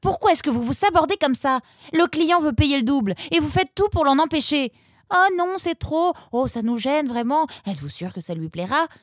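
A sharp-tongued young vixen scolds at a high, forceful pitch, as a woman narrator puts her on. She rants in exasperated bursts, all indignation. The storybook reading is dry and close. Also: sing-song, very slow, hardly any pauses, no echo, heavily acted. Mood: furious.

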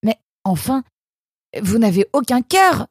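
A man doing a soft-hearted young fox. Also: very high voice, sing-song, slow pace, slightly rough, dry recording, clean studio sound, voice pushed up, exaggerated voice. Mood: pleading. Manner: pleading, indignant. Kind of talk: storybook reading.

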